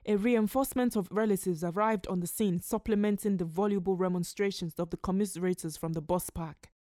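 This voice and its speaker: A woman reading a literary short story aloud in a measured, expressive narrating voice. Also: medium pitch, dry recording, studio quality. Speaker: story reader.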